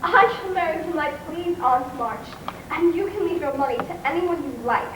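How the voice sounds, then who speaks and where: A woman's voice: extremely high pitch, expressive, normal speed. An actress playing a proper, spirited young woman who speaks earnestly and politely, in old-time radio drama style. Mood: defiant. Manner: earnest, polite, flustered when pressed. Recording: echoey distant old recording with hiss.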